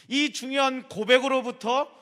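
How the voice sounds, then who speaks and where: A man's voice: very high-pitched, steady tone, normal speed, sharp tone. A man preaching a casual sermon as a youth group pastor, chatty and quizzing his listeners by name, in a church sanctuary. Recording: long reverb of a church hall.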